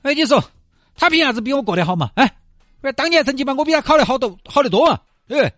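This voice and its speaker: A man's voice: very high voice, animated, rapid-fire, fairly bright tone, dry recording, faint music behind, pitched above the performer's own voice. A man playing an envious young village man with a Sichuanese accent, grumbling sourly about a friend in a comic storytelling skit. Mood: resentful. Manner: sour, complaining.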